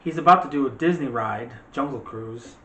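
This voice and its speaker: A middle-aged co-host of a movie review channel chats casually and rambles with a teasing streak. His medium-pitched voice is pushed and bright at a moderate pace. Recorded in a room at home, it has a roomy echo and faint background noise.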